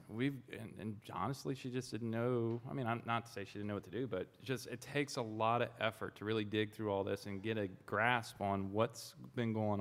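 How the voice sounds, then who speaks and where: A man presenting a city budget in a tired, conversational way. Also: mid-range voice. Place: city council chamber. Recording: long reverb in council chamber.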